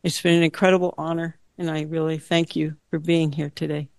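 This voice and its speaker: A woman hosting an event, reading a steady, formal introduction of her guest. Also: low-pitched, brisk, no room sound.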